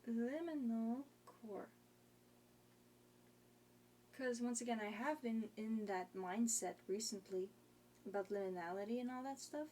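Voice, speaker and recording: Slow, rambling young woman streamer. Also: fairly high pitch, mellow, a little hiss or hum. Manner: rambling, hesitant, many fillers. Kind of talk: casual chat.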